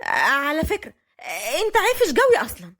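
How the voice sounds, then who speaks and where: A woman voicing a feisty, sharp-tongued young woman in her twenties who talks back quickly and cheekily. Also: high-pitched, wildly swooping pitch, full character voice. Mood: cheeky.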